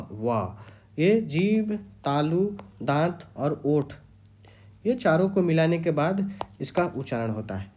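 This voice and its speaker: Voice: mid-range voice, warm tone. A teacher giving an exam-prep grammar lecture, repeating key terms and quizzing the students.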